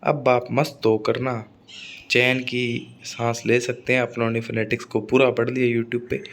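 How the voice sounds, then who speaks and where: A man delivers an exam-prep lecture at a medium pitch. He repeats key points and keeps checking in with his listeners. His delivery is steady and instructive. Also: measured pace. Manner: repetitive, checks in with students often. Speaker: teacher.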